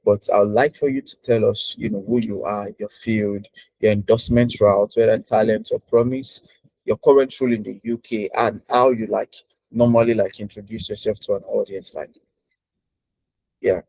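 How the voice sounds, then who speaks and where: A man hosts a casual interview on a video call. His voice sits fairly low and sounds dry and close. He talks in a chatty way, repeating phrases and leaning on fillers. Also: steady tone, normal speed, darkish tone, dry recording, low-quality recording. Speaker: host.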